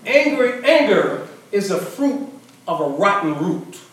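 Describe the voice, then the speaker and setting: A man's voice: high voice, big pitch swings, slow, a bit bright, slight background noise. A middle-aged man preaching a sermon to a congregation in a conversational way, often repeating and restarting phrases. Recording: echoey hall, far mic, congregation.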